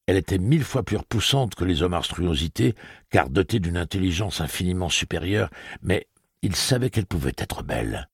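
A man narrating an audiobook with an expressive, dramatic reading. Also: sits low, fairly quick, husky, no room sound, studio quality. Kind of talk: scripted narration.

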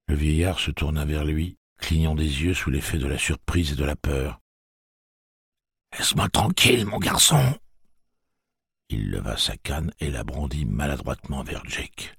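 A man narrates a novel in a measured storytelling manner. His voice is very deep and gravelly, with a husky edge and lively inflection. The recording is dry and close. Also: no echo. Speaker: audiobook narrator. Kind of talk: scripted narration.

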